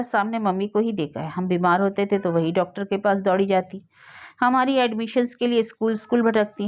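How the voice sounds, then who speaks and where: An outspoken young adult daughter presses her point, calm but firm and insistent, as a woman storyteller reads her. The recording is dull and lo-fi, at a middling pitch. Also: close to an everyday voice. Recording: dull lo-fi audio.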